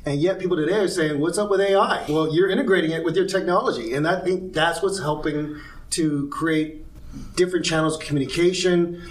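A man hosts an interview podcast in a fairly high voice. He sounds upbeat and emphatic, and he stretches out his introductions and questions. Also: brisk. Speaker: podcast host. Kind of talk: interview hosting.

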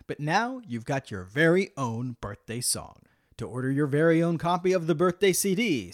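Animated infomercial announcer, put on by a man. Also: on the high side, no echo, studio quality. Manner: salesy, emphatic announcer delivery. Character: upbeat infomercial announcer pitching a novelty product. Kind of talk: infomercial pitch.

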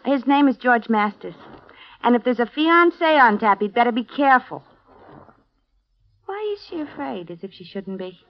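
The dull, lo-fi sound of a vintage radio broadcast carries an actress from a 1950s drama playing a young personal maid who is chatty, nosy, wry and colloquial. She speaks at a moderate pace with a fairly high pitch, big pitch swings and frequent pauses.

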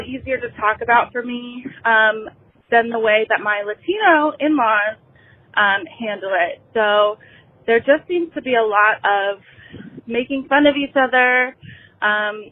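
A woman caller leaving a voicemail message over a phone line, talking hesitantly with many pauses and ums. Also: fairly high pitch.

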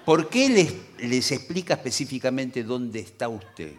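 A man's voice: medium pitch, sing-song, a little slow, slight background noise. A man, co-hosting a comedy radio show and explaining things with mock authority and a straight face. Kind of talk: comic radio banter.

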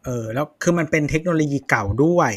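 A man's voice: a little high, fast talker. A man co-hosting a casual tech podcast, chiming in with details and opinions in short bursts. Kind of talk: casual chat.

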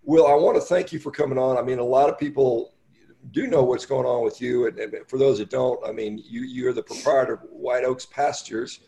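An American man interviewing as a podcast host, casual, halting and rambling, often repeating his words. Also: mid-range voice, fairly even intonation, mellow.

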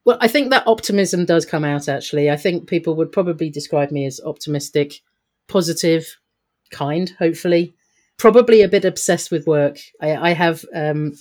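Her voice sitting low with a darkish tone, a woman guests on a podcast interview. She's upbeat and chatty, laughs often and keeps restarting her sentences.

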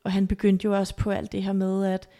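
A woman recounting a painful story as a podcast guest, her voice soft and halting. There is a gravelly fry in her delivery. Her pitch stays narrow and level. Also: completely flat delivery. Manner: soft, halting, emotional retelling. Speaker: interview guest. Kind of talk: personal storytelling.

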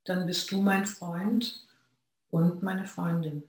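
Reflective dharma talk from a Zen practitioner, unhurried and pausing, heavy room echo. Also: mid-range voice, steady tone. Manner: slow, measured, pausing between phrases. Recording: very echoey room.

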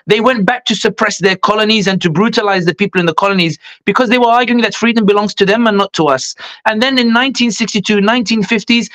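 A man's voice: high voice, a bit bright. A man from Tunisia giving earnest, rallying closing thoughts on a panel, speaking straight to the listeners. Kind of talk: impassioned panel reflection.

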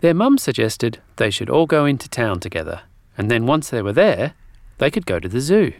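A man narrating a children's storybook in a gentle, expressive way. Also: mid-range voice, moderate pace, creaky, no echo.

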